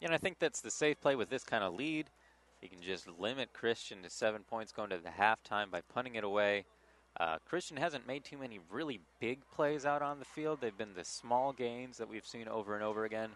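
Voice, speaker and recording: A man giving measured, analytical color commentary at a high school football game. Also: lively intonation, a bit bright. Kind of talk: sports color commentary and promo reads.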